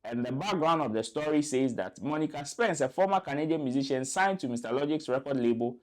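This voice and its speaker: A man's voice: medium pitch, expressive, fairly quick, a little mellow. A man hosting a commentary show, reading out a news story and quotes in an explanatory way, with fillers and restarts.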